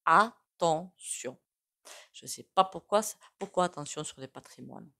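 Speaking at normal speed in a low, gravelly voice with a regional French accent, a female tarot reader and psychic gives a casual, relaxed reading. She muses aloud and drifts loosely from thought to thought, as if chatting with her viewers.

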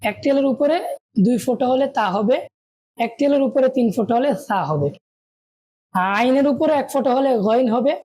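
A woman's voice: high-pitched, normal speed, long pauses, mellow. A woman teaching Arabic letters, patiently calling out each one and asking and answering her own questions. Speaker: Quran reading teacher.

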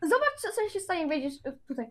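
A man voicing an excitable young boy sidekick in a game let's play, in a very high, eager voice. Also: quick pace. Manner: high-pitched, eager, sometimes whiny. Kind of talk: Roblox gameplay voice role-play.

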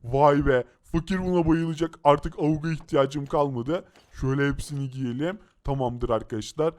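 Excitable high-voiced male game host. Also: normal speed. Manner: excitable, exclaiming, talks to viewers.

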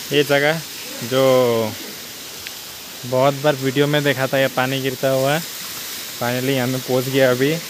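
A man in his thirties talking casually and excitedly into a phone at arm's length as he explores a foggy mountain road and a wet cave with waterfalls. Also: mid-range voice. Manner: excited, chatty, laughing asides. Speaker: travel vlogger. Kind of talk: casual travel vlog. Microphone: phone held at arm's length. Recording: loud waterfall and road noise.

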